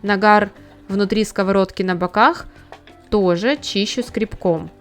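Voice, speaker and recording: A woman giving a calm, step-by-step scripted voice-over on cleaning a pan. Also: medium pitch, unhurried, faint music behind. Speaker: home cleaning tips host.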